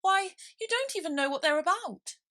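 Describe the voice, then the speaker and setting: Storybook girl heroine, read by a woman: young, bright, lively pitch, bold and indignant. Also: moderate pace, heavily acted. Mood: defiant.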